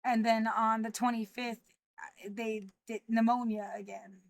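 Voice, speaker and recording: A woman's voice: on the high side, level tone, vocal fry, dry recording. Anxious rambling woman in her thirties. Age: 30s. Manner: anxious, rambling, halting with many restarts. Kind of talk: livestreamed personal monologue.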